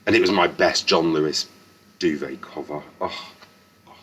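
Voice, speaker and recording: A man's voice: rumbling low, normal speed, fairly bright tone, breathy edge. A man in his fifties telling a personal story to camera, frank and earnest, often restarting sentences and swearing. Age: 50s. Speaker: vlogger.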